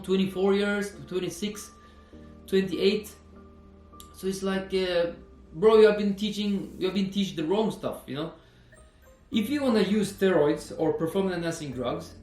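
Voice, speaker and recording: A man's voice: sits high, darkish tone. Man, twenties, earnest fitness vlog, echoey room. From Norway. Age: 20s. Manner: earnest, repeats himself, frequent "you know". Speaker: personal trainer.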